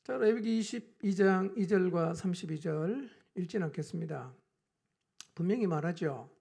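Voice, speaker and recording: A pastor delivers a Sunday morning sermon in a slightly husky voice. The pitch is animated and ranges widely. Rhetorical questions to the congregation keep coming, and the volume rises and falls from hushed to forceful. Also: normal speed. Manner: swings between quiet and loud emphatic lines.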